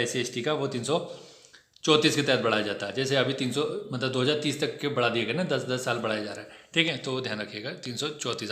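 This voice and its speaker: Brisk, bright-voiced coaching teacher. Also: male voice, mid-range voice, echoey room. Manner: brisk, chatty explaining with frequent "ठीक है" check-ins. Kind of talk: test discussion lesson.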